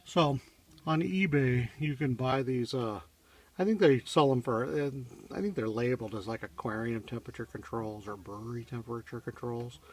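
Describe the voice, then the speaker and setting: The speaker, a hobbyist doing car DIY, has a medium-pitched voice and talks through a how-to in a halting, rambling, plain manner. It's recorded in his home garage on a phone he carries around the car, which makes the mic distant and the recording noisy.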